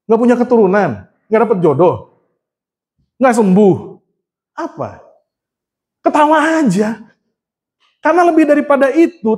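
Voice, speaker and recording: A man's voice: extremely high pitch, darkish tone. A man preaching a sermon in a casual storytelling way, often turning to address his congregation and poking fun at himself. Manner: humorous and self-mocking.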